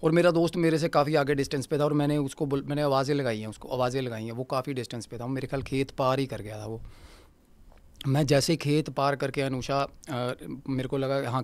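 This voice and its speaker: A man's voice: mid-range voice, a little mellow, no room sound. Male podcast guest, vivid storyteller, repeats lines for weight, dry close sound. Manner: vivid storyteller who repeats phrases for emphasis; mixes English words into his speech. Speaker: guest paranormal researcher. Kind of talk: recounting a ghost encounter in a podcast interview.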